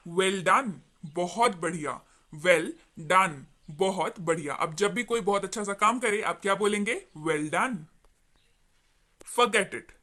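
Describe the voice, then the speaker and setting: A woman teaches a spoken English lesson with a bright, clear voice. She says each short phrase slowly and repeats it. Then she explains it in Hindi and asks her viewers questions. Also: medium pitch.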